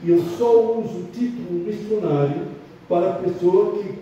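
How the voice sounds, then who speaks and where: Preaching in a church hall, an older foreign-born pastor uses a learned language, not his native Portuguese-free tongue, and he isn't from Brazil; his delivery is emphatic and repetitive. His voice sits high and warm at a moderate pace, with a faint hiss or hum. The very echoey hall is picked up by a far-off, muffled microphone.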